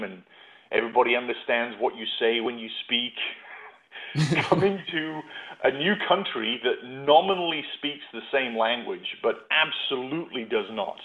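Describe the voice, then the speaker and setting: A middle-aged man from North Yorkshire, a podcast guest telling his story in a reflective, stop-and-start way. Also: mid-range voice. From England, North Yorkshire. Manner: reflective, with frequent restarts. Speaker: podcast guest, patent consultant. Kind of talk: casual interview talk. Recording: tinny phone-like line.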